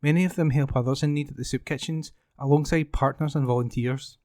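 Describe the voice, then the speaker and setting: A man's voice: mid-range voice, steady tone, brisk, darkish tone, no room sound. Man reading news in a dry room. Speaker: volunteer newspaper reader. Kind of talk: reading news articles aloud.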